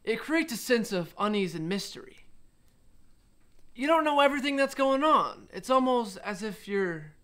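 A menacing outlaw card dealer acted by a man speaks in a notably high voice. He is smug and folksy, taunting with deliberate words, as in a western film. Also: animated, a bit bright, clear, resonant tone. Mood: smooth, taunting.

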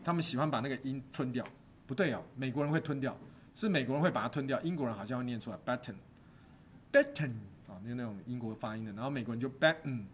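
A man's voice: medium pitch, rapid-fire, slight background noise. A middle-aged man teaching a stagecraft class, quizzing his students, cracking jokes and dropping English terms into the lecture.

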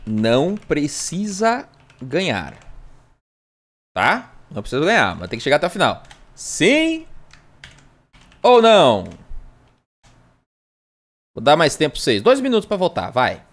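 A man's voice: on the high side, wildly swooping pitch, normal speed, fairly bright tone. A man with a Brazilian accent chatting casually on a gaming livestream, rambling and joking at himself. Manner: rambling, jokey, self-mocking.

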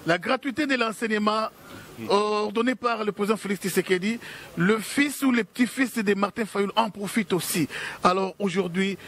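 High-voiced teasing male host with a faint noise bed. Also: moderate pace, a bit bright. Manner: teasing, needling questions. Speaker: interviewer, show host. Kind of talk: teasing talk-show interview.

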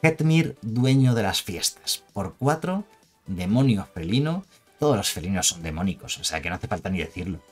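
Speaking in a deep, very animated voice at normal speed, a man with a Spain Spanish accent offers casual card review commentary, chatty and emphatic, peppered with jokes and asides. Faint music plays behind him.

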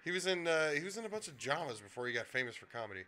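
A man's voice: fairly high pitch, big pitch swings, rapid-fire, sharp tone. A young man watching a friend play, chatting and swearing about old movies, with game music behind. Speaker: let's play co-host. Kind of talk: casual gaming commentary.

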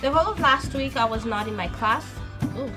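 Over background music, a young vlogger speaks briskly in a high voice, her foreign, non-native English accent clear as she tells lively stories while cooking in her little home kitchen. The phone camera recording her sits on the counter.

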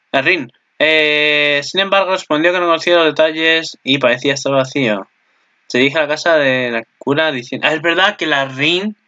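A young man with a Spanish accent from Spain gives casual anime commentary, getting excitable, swearing freely, and laughing at himself. His voice sits on the high side, and the recording is muffled.

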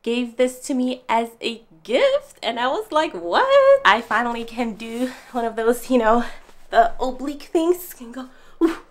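A young woman, a home fitness vlogger, talks directly to her audience from a bright living room while giving a relaxed, cheerful product review. She speaks on the high side, very animated yet unhurried.

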